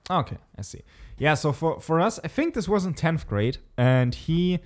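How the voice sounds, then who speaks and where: A man's voice: a little high, big pitch swings, normal speed. A man casually telling a story in a chat, swearing often and laughing as he talks. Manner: laid-back storyteller, swears often, laughs mid-sentence.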